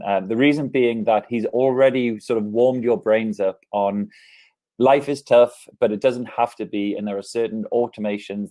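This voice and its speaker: A man's voice: medium pitch, mellow. A man in his thirties with an English accent, giving an upbeat keynote talk over a video call from his office. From England. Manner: upbeat, gestures with his hands as he talks. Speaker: keynote speaker. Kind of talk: online conference presentation. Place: office, indoors. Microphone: earphone mic on a video call.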